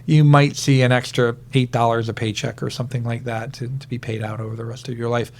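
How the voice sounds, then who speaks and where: A man's voice: mid-range voice, fast. Man explaining retirement numbers methodically. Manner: steady, methodical explaining with worked number examples. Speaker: retirement planner co-host. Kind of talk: explanatory podcast talk.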